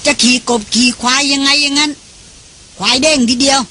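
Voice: high-pitched, steady tone, fairly quick, sharp tone, slight background noise, pitched above the performer's own voice. A reader voicing a cheeky young male head porter who teases and banters, for an audiobook. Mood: teasing.

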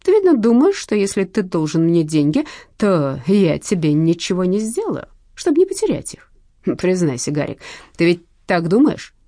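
In an audiobook, a hoarse, mocking male gangster threatens and sneers with a lively, swinging delivery, as a woman reader puts him on. The sound is warm and dry, close to the mic. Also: on the low side, moderate pace, no room sound, heavily acted. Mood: threatening. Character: menacing male gangster loan shark, mocking. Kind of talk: audiobook character voice.

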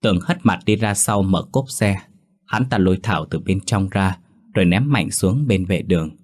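A male storyteller reading a ghost story aloud in a steady, dramatic manner. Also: sits low, moderate pace. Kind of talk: scripted horror story narration.

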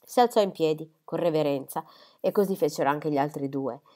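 A woman narrating a classic novel in an audiobook. Her voice sits on the lower side, and her reading is steady and unhurried. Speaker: audiobook reader.

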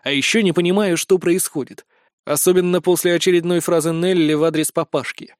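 A man's voice: a little high, fairly even intonation, brisk, dry recording, studio quality. A man reading a first-person fantasy story in a wry, slangy, conversational manner. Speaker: audiobook narrator.

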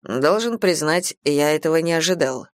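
A woman voicing a wry, easygoing male god in an audiobook, slow, dry and offhand. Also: deep voice, animated, no echo.

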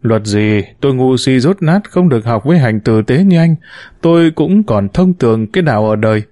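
A man's voice: mid-range voice, expressive, moderate pace, no echo, lightly acted. A man voicing a bitter, wounded middle-aged mother who reproaches and laments to her son in an audiobook story. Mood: pleading lament. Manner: reproachful, lamenting, sharp-tongued.

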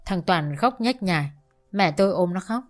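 A woman's voice: lowish voice, expressive, moderate pace, faint music behind. Woman narrating a dramatic story. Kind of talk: first-person story narration.

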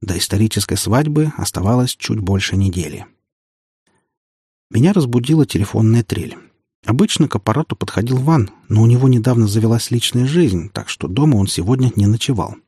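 A man narrates a first-person audiobook in a steady, matter-of-fact way. His voice is fairly low and husky. The recording is close and dry with no room sound. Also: a little fast, no room sound.

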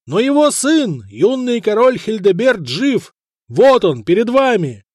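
Brash commanding warrior-king, read by a man, raised and loud, storybook hero. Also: high-pitched, big pitch swings, normal speed, no echo, clean studio sound. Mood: proclaiming. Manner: brash, commanding, shouting orders. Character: ruthless bold warrior-king, commanding male.

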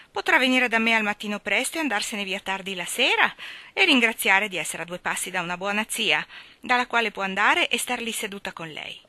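A woman reading aloud, voicing a stern, proud older aunt who scolds in a sharp, reproachful way. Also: medium pitch, no echo.

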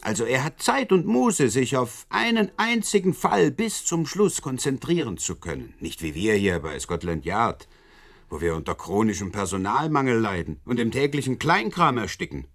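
A man's voice: medium pitch, big pitch swings, moderate pace, creaky, fairly bright tone, heavily acted. An actor in a German radio drama playing Inspector Lestrade, a courteous, wordy and faintly envious policeman with a confiding manner. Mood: envious, complaining.

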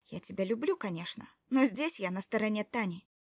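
A woman's voice: mid-range voice, expressive, a little fast, dry recording. A woman plays a blunt young sister in an audiobook, curt and dismissive. The voice is dry and close, with no room around it. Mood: irritated.

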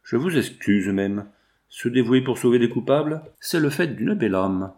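A man's voice: medium pitch, animated, moderate pace, darkish tone, lightly acted. A man reading an audiobook, voicing a cold, accusing, vengeful middle-aged magistrate. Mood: stern.

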